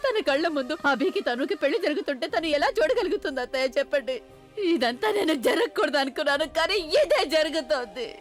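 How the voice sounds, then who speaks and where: A distraught mother in a dubbed TV serial. Her voice is very high and she talks fast and pleadingly. Faint music sits behind her. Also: sing-song. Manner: pleading, agitated. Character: anxious middle-aged mother, distraught.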